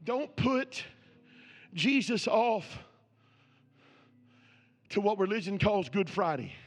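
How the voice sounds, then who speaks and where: A man's voice: sits high, big pitch swings, takes it slowly. A man preaching a sermon as pastor, building with repeated questions.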